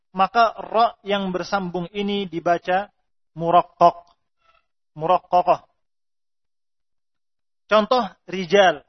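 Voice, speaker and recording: A man teaching Quran recitation rules, reading Arabic lines slowly and explaining them, with drawn-out pronunciation examples. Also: sits high. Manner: reads Arabic text slowly, then explains in Indonesian. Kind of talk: explaining tajweed rules from a text. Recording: dull lo-fi recording.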